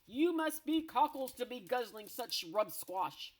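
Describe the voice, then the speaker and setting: A woman reading aloud and voicing a huge, greedy male giant who bullies, booming loudly in a gruff voice. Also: animated, measured pace. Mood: scornful.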